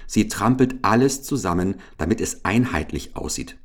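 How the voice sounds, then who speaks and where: A man voicing a pompous, officious marabou stork who lectures like a medical official, raising his voice higher than his own. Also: animated, normal speed.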